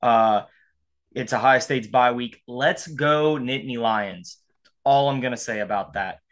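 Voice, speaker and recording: A man co-hosting a casual sports podcast, getting fired up and swearing, his voice jumping high when riled. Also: unhurried, fairly bright tone. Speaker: podcast co-host.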